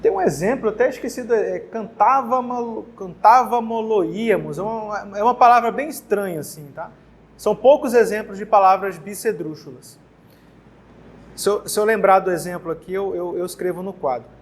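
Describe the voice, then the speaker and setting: This man has a husky, high voice and talks fairly fast with a Brazilian Portuguese accent. He's teaching exam-prep grammar in a whiteboard classroom, relaxed in tone, frequently restarting words and asking whether the class is following.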